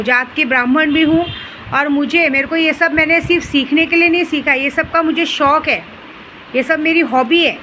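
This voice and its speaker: A woman in her thirties talks straight to camera as a ritual practitioner, her voice pitched high. She speaks in a stern, warning tone and lectures her listeners. A faint hiss runs under the recording. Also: a bit bright, rough recording. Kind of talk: direct-to-camera monologue.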